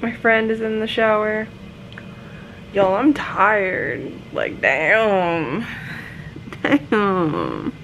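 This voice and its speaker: A woman's voice: medium pitch, very animated, extremely slow, long pauses, fairly bright tone, a little hiss or hum, rough recording. Laid-back woman vlogging from a hotel. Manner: laid-back, chatty, laughs often. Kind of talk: casual vlog chat to camera. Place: hotel room. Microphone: phone camera held close.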